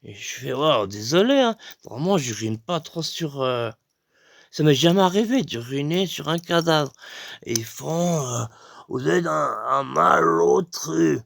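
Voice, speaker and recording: Rambling gravelly comic storyteller, man. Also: on the high side, big pitch swings, measured pace, dry recording, studio quality. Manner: rambling, full of fillers like voilà and euh. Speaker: comedian.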